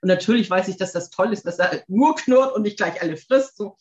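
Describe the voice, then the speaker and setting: A woman's voice: mid-range voice, brisk. Chatty woman in a roomy, dull-sounding room. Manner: chatty, animated storytelling, frequent fillers. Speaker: podcast guest, dog owner. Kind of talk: casual conversation.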